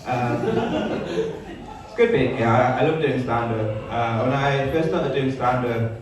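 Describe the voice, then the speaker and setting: A young man from Newcastle in northern England does stand-up in a hesitant, rambling, self-deprecating way, speaking slowly at a medium pitch with lively intonation. The small comedy venue is sparsely filled, and the echoey live room, distant mic and audience noise are all audible.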